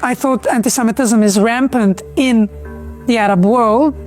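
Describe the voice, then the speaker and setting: A middle-aged woman, telling her personal story in an earnest, measured way. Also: fairly high pitch, darkish tone, faint music behind. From Lebanon. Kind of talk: personal testimony.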